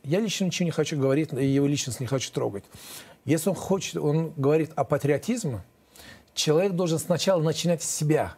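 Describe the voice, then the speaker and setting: Man in his fifties, lawyer guest, halting and defensive, mellow and somewhat high. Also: husky. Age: 50s. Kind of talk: interview answers.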